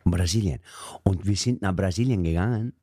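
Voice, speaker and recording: A man's voice: deep voice, fairly quick, mellow, dry recording, studio quality. A man hosting a casual conversation, reacting in short words and often answering in Spanish. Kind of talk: casual chat.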